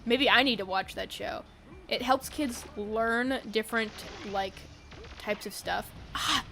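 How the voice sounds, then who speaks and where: Tired gamer girl rambling on stream, kinda high voice, lots of likes and ums, faint hum behind her. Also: measured pace, creaky, bright, forceful tone. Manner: rambling, giggly, with many fillers. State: tired and yawning. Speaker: game streamer. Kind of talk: casual stream chat.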